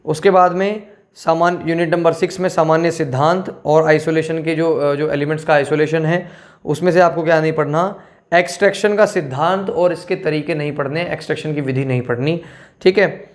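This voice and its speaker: Higher-pitched man explaining a syllabus. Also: steady tone. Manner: repeats "theek hai" often, addresses students as children; switches between slow read-out terms and quick asides. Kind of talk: casual explanatory lesson.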